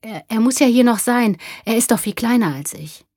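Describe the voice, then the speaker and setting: A woman's voice: fairly high pitch, expressive, normal speed, a little mellow, dry recording, clean studio sound, pitched above the performer's own voice. A woman voicing an earnest, stubborn nine-year-old boy in a told story. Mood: distressed. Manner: defiant then shaky, pleading.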